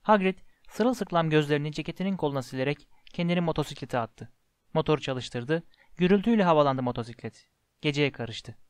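A man narrating a storybook in a measured way, slowing down for the descriptive passages. His voice sits a bit high for a man. The recording is dry and close. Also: animated, smooth, no room sound. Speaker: audiobook narrator.

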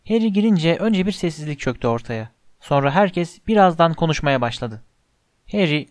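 A man narrating an audiobook in measured, scripted storytelling. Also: a little high, a little mellow, dry recording.

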